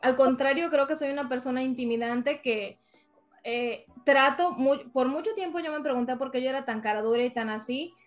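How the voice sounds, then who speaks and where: A woman's voice: sits high, moderate pace, soft background music. A woman from Mexico co-hosting a casual podcast chat, telling a story animatedly and acting out what people said. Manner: animated storytelling, acts out quotes. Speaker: podcast co-host.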